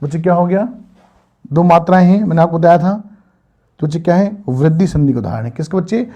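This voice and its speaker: A man's voice: on the high side, quick pace, warm tone, dull audio. A man teaching an online grammar lesson, patiently asking and answering questions for his students over and over. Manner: patient, repetitive quizzing of students.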